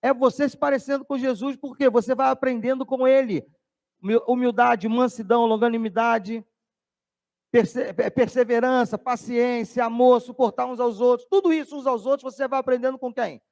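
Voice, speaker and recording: A man preaching a sermon as pastor, animated, dropping his voice low when he tells a story. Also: moderate pace, creaky. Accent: Brazilian Portuguese. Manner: animated preaching, drops voice low to tell stories.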